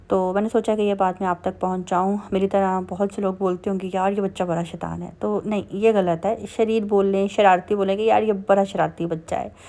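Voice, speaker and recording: A woman's voice: medium pitch, a little mellow. A woman with a Pakistani Urdu accent, narrating her day in a chatty, casual vlog voice-over full of fillers. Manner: chatty, filler-heavy storytelling. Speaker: vlogger.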